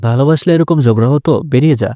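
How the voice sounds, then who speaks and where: Stern middle-aged mother, sharp and demanding, read plainly by a male narrator; low-key dark tone. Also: quick pace, dry recording, studio quality, lightly acted. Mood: angry.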